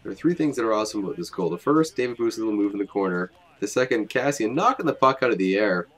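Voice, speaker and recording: Wry young man calling game highlights. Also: lively intonation, fast, a bit bright. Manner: wry, joking, self-mocking. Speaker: highlights commentator. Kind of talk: casual play-by-play voice-over.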